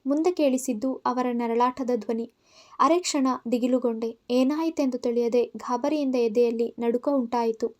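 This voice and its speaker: A woman storyteller narrating in the first person, reading with feeling and clear expression. Her voice is high and light throughout. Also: fairly even intonation, moderate pace, darkish tone.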